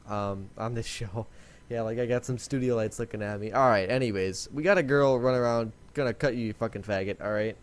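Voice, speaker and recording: A young man hosts a relaxed let's-play video, chatting and rambling fairly quickly while correcting himself along the way. He mentions that his voice is deeper than normal today.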